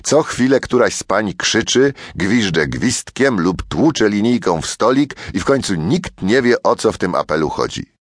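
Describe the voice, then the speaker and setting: A man's voice: on the low side, very animated, unhurried, hardly any pauses, no echo, studio quality. A man narrating a children's audiobook as a storyteller who talks straight to his young listeners.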